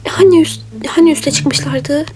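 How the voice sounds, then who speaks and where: High-voiced chatty woman doing role-play. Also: measured pace. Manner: lively, chatty, switches between characters. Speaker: role-play video maker. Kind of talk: doll game role-play voicing characters. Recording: background music.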